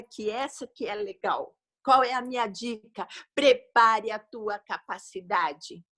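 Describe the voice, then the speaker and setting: A Brazilian Portuguese-accented woman giving advice as a guest expert over a video call, lively and speaking straight to her audience. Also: high-pitched. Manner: lively, addresses the audience directly and often. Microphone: video call microphone.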